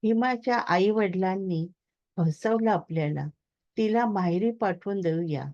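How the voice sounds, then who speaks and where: A blunt, protective middle-aged mother who scolds plainly, read by a woman narrator. Her lines come slowly, and the recording has a slightly muffled, lo-fi sound. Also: mid-range voice, a little mellow, close to an everyday voice. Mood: scolding.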